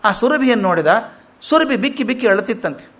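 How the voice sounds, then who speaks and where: A man giving an animated storytelling discourse on an epic in a lecture hall, emphatic and acting out quotes. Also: high voice, a little fast. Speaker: public speaker.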